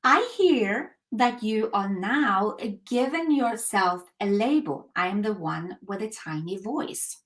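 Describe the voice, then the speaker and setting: This coaching webinar host talks with an expressive, medium-pitched, slightly bright voice, taking it slowly with few pauses. Earnest and emphatic, she motivates her live call through rhetorical questions, often pausing to clear her throat.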